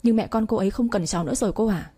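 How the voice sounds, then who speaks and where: A woman's voice: mid-range voice, rapid-fire, warm tone, breathy edge, lightly acted. A woman voicing a patient, polite young village man. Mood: weary. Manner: polite, apologetic, firm.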